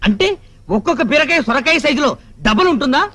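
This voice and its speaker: A man's voice: very high voice, lively intonation, fast, bright, forceful tone, no echo, full character voice. An actor playing a cheeky, wisecracking young man in a comedy film, with mocking, exaggerated delivery. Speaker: comic lead in a comedy film.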